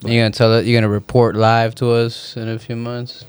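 A man co-hosting a podcast, asking quick, incredulous follow-up questions in casual chat. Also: mid-range voice, level tone, a little mellow, clear, resonant tone. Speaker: podcast co-host.

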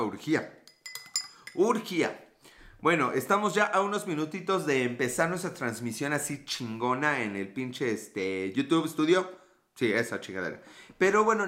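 A medium-pitched man with a sharp tone and a Mexican accent runs a casual live stream, greeting people and answering their comments using slangy, profane language.

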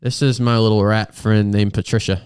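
A congested American man with a froggy, fairly low voice hosts a casual podcast. He talks emphatically and jokes at his own expense. The sound is dry and close, and his tone stays smooth under the stuffiness. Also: flat delivery, normal speed, darkish tone, no room sound. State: congested with a sinus infection. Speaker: podcast host. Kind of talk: casual, joking chat.

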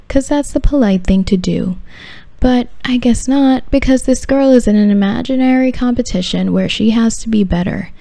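Woman, podcast narrator, sultry tone, soft mellow timbre, arch wry phrasing, scripted storytelling, very dry recording. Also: medium pitch, gravelly, no echo. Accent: no discernible regional accent. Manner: sultry delivery. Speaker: podcast host.

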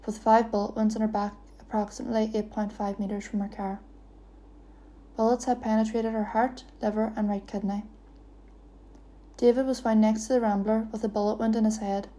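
A woman giving a scripted true-crime narration as a podcast host, reading in a steady, even way. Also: on the high side.

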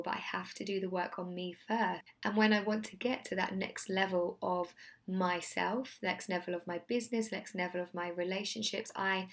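A woman hosting a solo self-help podcast in a casual, effusive and earnest way, her voice hoarse and giving out as if she has nearly lost it. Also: lowish voice. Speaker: podcast host and mindset coach.

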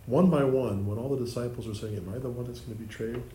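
A man's voice: mid-range voice, quick pace, mellow, slight background noise. A man leading a group Bible study, explaining the text with restarts and questions to the group. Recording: echoey room with faint ambience.

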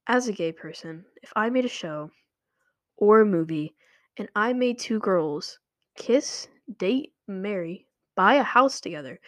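A woman's voice: mid-range voice, dry recording, studio quality. A young woman chatting casually to her viewers, rambling with lots of filler words. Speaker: vlogger. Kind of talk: casual commentary. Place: home room with running water nearby.

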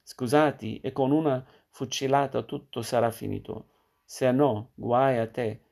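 A man's voice: medium pitch, fairly even intonation, a little slow, vocal fry. A man reading the lines of a grim young woman who threatens her betrayer. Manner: dark, threatening.

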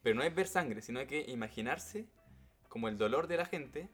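Relaxed Chilean young man recounting. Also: medium pitch, moderate pace, breathy edge, faint music behind. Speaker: podcast guest. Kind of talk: casual storytelling chat.

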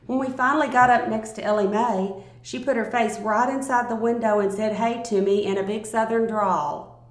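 A woman narrating a first-person story aloud in a calm, measured reading voice. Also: mid-range voice. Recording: roomy, echoey recording.

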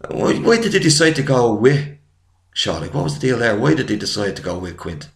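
A man from Ireland co-hosting a casual film chat, eager and quick to jump in. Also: mid-range voice, sing-song, creaky. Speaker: podcast co-host. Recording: echoey room.

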